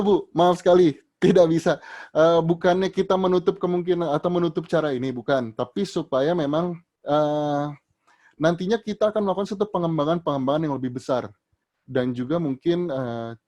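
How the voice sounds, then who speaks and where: A male trainer answers questions from an audience during an online session. He talks in a loose, explaining way, full of fillers and restarts, and his voice jumps higher and louder whenever he starts a new answer.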